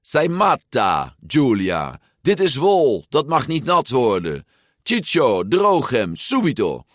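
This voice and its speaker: A man's voice: mid-range voice, wildly swooping pitch, takes it slowly, no room sound, clean studio sound, voice pushed up, exaggerated voice. A man reading a storybook, voicing an arrogant teenage bully who taunts and orders others around, dropping in Italian words. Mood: mocking. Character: boastful bullying teen boy.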